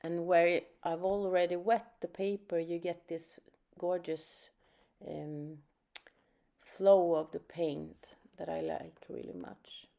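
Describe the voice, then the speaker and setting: A Swedish-accented woman from Sweden, an art teacher, speaks English during an unscripted watercolor lesson. Her voice sits fairly low, level and creaky, and she speaks slowly and softly, thinking out loud with fillers.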